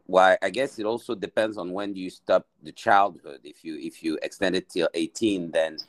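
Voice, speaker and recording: Man from Mali, very low voice, dry close recording, halting interview answers. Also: steady tone, no echo. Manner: hesitant, many restarts and fillers. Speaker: guest entrepreneur.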